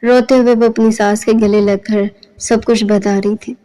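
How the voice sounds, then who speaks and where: Smooth-voiced woman reading a novel. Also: a little high, poor audio. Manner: steady storytelling with quoted dialogue. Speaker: narrator.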